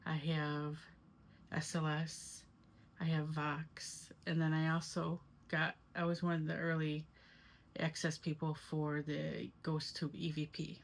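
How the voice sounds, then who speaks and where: Low, creaky-voiced woman vlogging casually. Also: level tone, takes it slowly. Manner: rambling, conversational. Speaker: amateur paranormal investigator vlogger. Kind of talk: casual first-person recap to camera.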